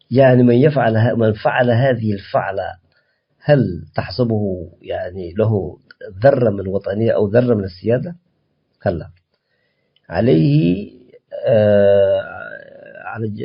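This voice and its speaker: Impassioned husky man, halting restarts. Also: fairly low pitch, lo-fi sound. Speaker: political activist guest. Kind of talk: radio interview answer.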